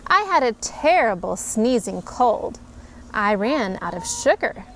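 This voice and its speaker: A woman, a mother, reading a picture book aloud to her children in an animated, expressive way with playful emphasis. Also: fairly high pitch, unhurried, slight background noise, rough recording. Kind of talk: storybook read-aloud.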